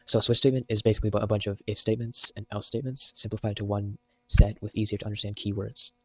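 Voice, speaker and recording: A man's voice: fairly low pitch, flat delivery, racing, fairly bright tone, slightly rough, no echo, rough recording. A young man giving a casual, joke-filled programming tutorial while typing at his computer. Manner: jokey, meme-filled explaining. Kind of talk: casual screen-recorded coding tutorial.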